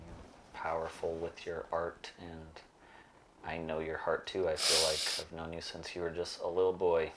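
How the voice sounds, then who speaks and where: A man and parent in a casual family talk, telling jokes and offering warm praise. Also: deep voice, completely flat delivery, normal speed, noisy background. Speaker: parent and co-host.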